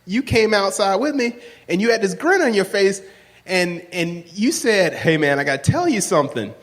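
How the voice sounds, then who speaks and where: A man with a loud, projecting voice, telling a personal story on stage and acting out the dialogue. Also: high voice, moderate pace. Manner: animated, acts out dialogue in raised voices. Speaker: live storyteller. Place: stage in a large hall. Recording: live recording with long hall reverb.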